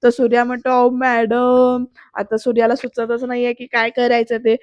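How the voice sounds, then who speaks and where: A woman's voice: fairly high pitch, fairly quick, dry recording, highs cut off. A woman narrating a voice-over recap of a TV serial episode, telling it like a story and speaking straight to her viewers. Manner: lively storytelling, addresses viewers directly. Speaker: serial reviewer. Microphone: close voice-over mic.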